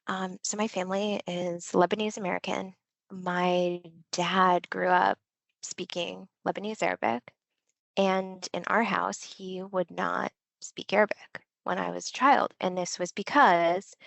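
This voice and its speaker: A Marine veteran who works as a linguist chats candidly as a podcast guest, sprinkling in filler words during a casual interview. Her voice is medium-pitched and a bit bright, with vocal fry and fairly even intonation, and she speaks slightly slowly. There's no echo on the recording.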